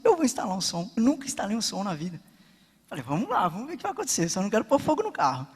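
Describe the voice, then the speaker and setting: Guy with a high voice giving his testimony at church, earnest, big echoey sanctuary. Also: wildly swooping pitch, racing, slightly rough. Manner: earnest storytelling, quietly intimate at first, then building with fervor. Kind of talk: personal testimony in a church service.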